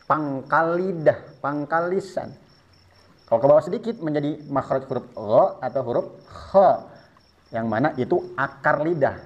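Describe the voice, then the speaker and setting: A man teaching Quran recitation rules, patiently explaining each step and modelling sounds for students to repeat. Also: fairly high pitch. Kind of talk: tajwid lesson with spoken demonstrations. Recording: dull lo-fi sound.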